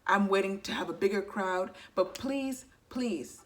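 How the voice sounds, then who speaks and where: A young woman in her twenties talks straight to camera as a vlogger, earnest and chatty. Her voice sits at an ordinary middle pitch, and she keeps dropping in "you know" asides. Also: measured pace. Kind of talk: casual advice talk to camera.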